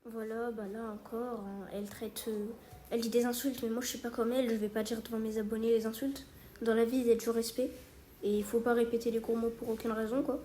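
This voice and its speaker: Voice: mid-range voice, flat delivery, brisk, mellow, slight background noise. A child or young teenager talking casually and hesitantly to subscribers in an informal online video commentary. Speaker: video creator addressing subscribers.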